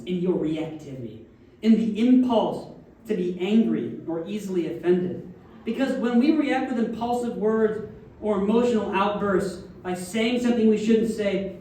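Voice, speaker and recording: High-voiced man preaching in echoey church. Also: dark tone. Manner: conversational preaching with frequent audience check-ins. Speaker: minister. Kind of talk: sermon. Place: church sanctuary. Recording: very echoey distant room mic, faint background noise.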